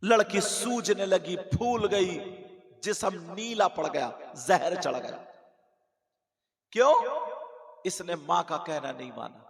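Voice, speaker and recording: A man's voice: high-pitched, creaky, pauses often. A man preaching at a village religious gathering, telling a moral story dramatically and acting out a girl's cries. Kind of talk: sung-out Urdu sermon story. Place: open-air religious gathering. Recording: roomy loudspeaker echo, long reverb.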